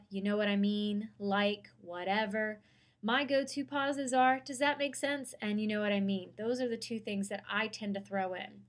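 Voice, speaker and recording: A woman, a public speaking instructor giving a clear, measured course lecture. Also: a little high.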